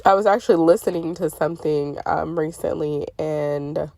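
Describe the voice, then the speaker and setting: Sitting in her parked car, a middle-aged woman who vlogs about spirituality shares her dreams in a loose, rambling monologue. Her congested voice sits low and is a little mellow, with vocal fry, a steady tone and normal speed. She's chatty and meandering, with many fillers and self-corrections, and there's no echo.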